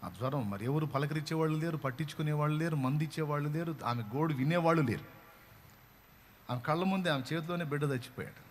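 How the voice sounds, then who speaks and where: A man preaching a sermon, telling a story dramatically and rising to loud, fervent proclamations. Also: a little high, fast talker, a little hiss or hum.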